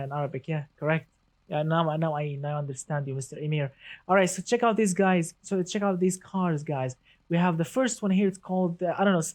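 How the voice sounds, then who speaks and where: A man's voice: fairly high pitch, darkish tone. A man hosting a casual gaming live stream, chatty and enthusiastic, greeting viewers and reading the chat aloud.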